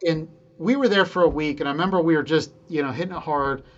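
A man telling stories from his engineering career in a casual conversation, lively and quick to act out the people he quotes. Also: on the high side, muffled recording. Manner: animated storyteller, quick to quote himself and others. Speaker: guest engineer.

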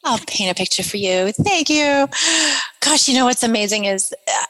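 A woman from Iran, a podcast guest, telling her story in an animated, rambling way. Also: fairly high pitch, normal speed, in a large hall, low-quality recording. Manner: animated storyteller with many fillers and restarts. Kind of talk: casual storytelling in conversation.

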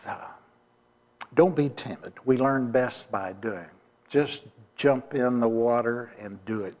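A man, the pastor, preaching a sermon deliberately and asking the congregation rhetorical questions. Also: mid-range voice, a little mellow. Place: church sanctuary. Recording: long reverb of a church hall.

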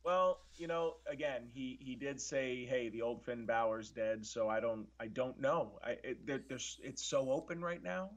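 A man's voice: medium pitch, normal speed, hardly any pauses. A man co-hosting a casual wrestling review podcast, earnest and analytical, often restarting his sentences as he thinks aloud. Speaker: podcast co-host.

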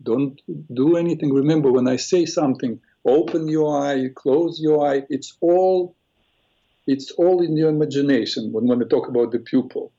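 A man with a dark, relaxed voice coaches a caller through guided visualization. He is instructive and restates his phrases as he goes. The audio is dull and lo-fi, like an internet call. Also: a little high, moderate pace. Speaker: host guiding a caller through an imagery exercise.

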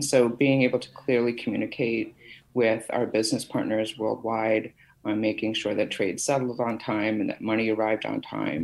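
A woman's voice: rumbling low, a little mellow, poor audio. A middle-aged woman from Massachusetts, a podcast guest telling her career story in a chatty way with many fillers. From Massachusetts, USA. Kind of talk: conversational interview.

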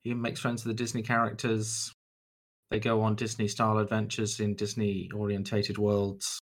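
A man on a casual podcast with a lower voice than most. He chimes in with dry, offhand asides and understated humor. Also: completely flat delivery, normal speed. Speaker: podcast co-host. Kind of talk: casual chat.

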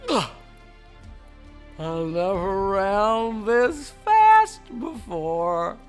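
A plodding, determined male tortoise from a storybook telling, acted by a man in a changed, distant-sounding voice that stretches every word. He speaks slowly and steadily. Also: high-pitched, sing-song, faint music behind, pitched above the performer's own voice, exaggerated voice. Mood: straining. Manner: slow and drawn out. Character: slow, patient, determined old male tortoise.

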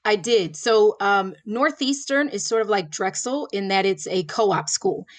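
A woman in her forties from Florida, a former prosecutor, answering interview questions in a measured, earnest way with many fillers. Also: mid-range voice, expressive, no room sound. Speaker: judicial candidate, former prosecutor.

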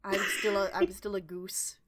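A young woman co-hosts a podcast with a stuffy, congested voice from a cold, chatting in a self-mocking way and swearing casually. Her voice is mid-range, level in tone and at normal speed.

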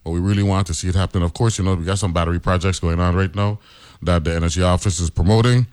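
A man's voice: low voice, steady tone, racing, a little mellow, clean tone. A man with a Crucian accent hosting a casual radio talk show, chatty and playful, often repeating his words. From St. Croix, US Virgin Islands.

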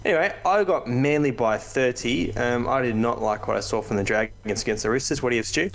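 A man's voice: medium pitch, brisk, gravelly. Kiwi guy hosting a fantasy footy chat, slangy and matey, easygoing talk. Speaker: podcast host. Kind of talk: casual rugby league fantasy sports chat.

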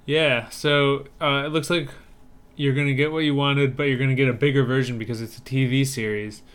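A man's voice: medium pitch, little pitch movement, brisk, a bit bright, clear, resonant tone. A man co-hosting a podcast over a video call, talking in an easygoing way with dry humor. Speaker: podcast co-host. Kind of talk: casual chat. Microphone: remote video call.

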